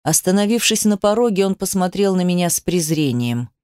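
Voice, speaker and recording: A woman's voice: on the low side, expressive, a little fast, darkish tone, clear, resonant tone, dry recording. A woman reading a dramatic first-person audiobook, telling it with tense emotion on a close mic. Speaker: narrator.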